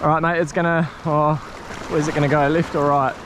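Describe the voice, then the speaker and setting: A man with a broad New Zealand accent hosting a casual fishing vlog from a rocky coast in a slangy, excitable, matey way. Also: on the high side, brisk. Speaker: fishing show host. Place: outdoors on a rocky coastal ledge. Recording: noisy outdoors with sea and surf. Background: waves and surf.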